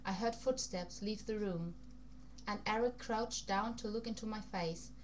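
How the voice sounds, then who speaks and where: In an amateur, audiobook-style reading of a vampire novel, a woman puts on a foreign accent, occasionally stumbling over words and going back to reread phrases. Her voice is medium in pitch and her pace measured, and the recording carries noise and hum.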